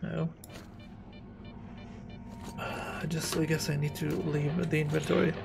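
A man's voice: on the high side, flat delivery, measured pace, gravelly, music in the background. A man from Israel, rambling through casual gameplay commentary as a streamer and thinking aloud.

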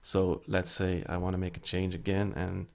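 A man's voice: sits low, completely flat delivery, moderate pace, creaky, a little mellow, clear, resonant tone. A man giving a casual step-by-step screen-recorded tech tutorial, explaining as he types commands with frequent fillers. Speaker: network tutorial presenter.

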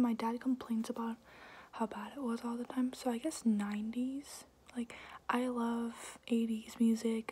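A young adult woman whispering softly and close up in a hesitant, rambling, casual ASMR question-and-answer style. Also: a little high. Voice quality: breathy, unvoiced whisper. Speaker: ASMR video creator. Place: small room indoors, at home.

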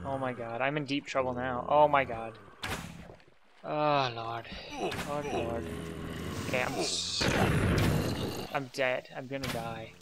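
Man, let's play commentary, exasperated muttering, sighs, mid pitch, noisy recording. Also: level tone, normal speed. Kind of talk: casual gameplay commentary.

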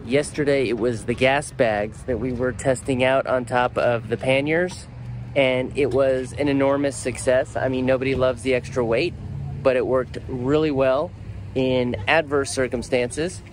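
A man in his forties films himself outside a store, his gear strapped to the bike around him. He speaks wry and matter-of-fact, at an everyday pitch. Faint music plays underneath. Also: fairly even intonation, unhurried. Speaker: motorcycle travel vlogger. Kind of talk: casual travel vlog. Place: outdoors in a parking lot beside his motorcycle. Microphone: phone or action camera at arm's length.

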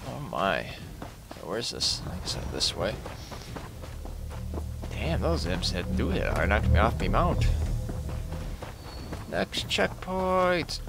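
A man's voice: fairly low pitch, big pitch swings, a little slow, vocal fry, long pauses, over music. A man giving casual let's-play commentary, laid-back and muttering his reactions. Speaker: gameplay commentator.

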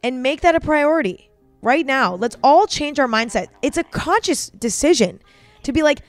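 A woman's voice: high voice, animated, moderate pace, dry recording, faint music behind. A woman giving an earnest, encouraging motivational voice-over, speaking directly to the listener.

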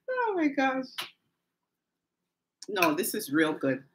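A woman's voice: on the high side, noisy background. A woman hosting a live stream from home, chatting casually, talking straight to her viewers and laughing often. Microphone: phone or camera mic on a live stream.

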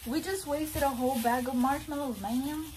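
A woman's voice: high-pitched, normal speed, noisy background. A young woman chatting casually as co-host of a vlog, recorded in a small room. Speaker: channel co-host. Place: small bedroom, indoors.

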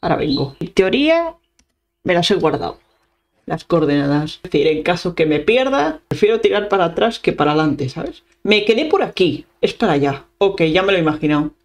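A young woman from Spain with a Spanish accent, giving chatty, excitable let's-play commentary, talking to her viewers and humming along as she plays. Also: on the low side, a little fast. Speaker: gaming YouTuber.

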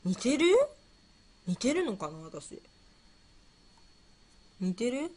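A woman's voice: fairly high pitch, very animated, slow pace, a little mellow, breathy edge. A woman hosting a casual livestream, playfully fumbling through quiz questions and chatting with viewers, musing aloud and repeating herself. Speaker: livestream host.

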